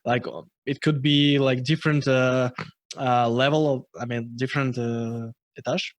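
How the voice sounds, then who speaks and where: A man with a Russian accent hosts a casual podcast conversation. His voice sits at an everyday middle pitch and he halts and restarts his thoughts. The sound is close and dry. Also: flat delivery, no echo. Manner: halting, many restarts and fillers. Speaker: podcast host. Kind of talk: casual chat.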